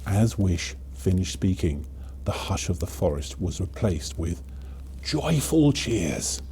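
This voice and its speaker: A man playing a kindly old Father Christmas, gently narrating a storybook to children. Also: low-pitched, very animated, slow, gravelly, a little hiss or hum, exaggerated voice. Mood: gentle storytelling.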